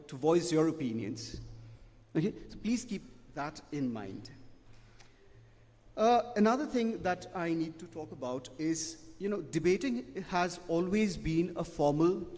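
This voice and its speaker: Here a middle-aged man judging a debate offers students spoken feedback, his voice slightly high and a little mellow. He stresses things emphatically, repeats himself, and wraps each point with "okay?" while the room adds a long hall reverb.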